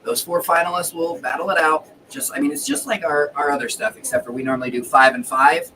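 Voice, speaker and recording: A man's voice: on the high side, fairly even intonation, fairly quick, bright, forceful tone. A man hosting a casual livestream who rambles and corrects himself as he goes, swearing now and then, while fighting the hiccups. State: has the hiccups. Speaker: livestream host. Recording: distant mic with faint background noise.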